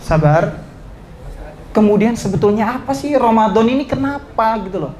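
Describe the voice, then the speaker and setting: Male ustadz, lively classroom sermon, loud exhortations mixed with jokes. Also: sits high, moderate pace. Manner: swings between shouting and soft asides, teasing jokes. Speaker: ustadz teaching students. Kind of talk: lively religious talk to students.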